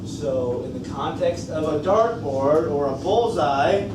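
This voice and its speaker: Echoey high-pitched man teacher, North Dakota accent. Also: animated, takes it slowly. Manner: checks in often with short questions. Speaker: science teacher. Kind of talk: classroom lecture with questions to students. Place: classroom. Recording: echoey classroom from far off, noisy.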